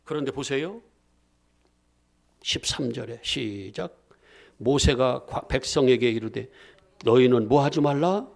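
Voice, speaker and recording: A man preaching a sermon as pastor, throwing questions at the congregation and answering them himself in a lively call-and-response style. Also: medium pitch, a little slow, vocal fry, pauses often.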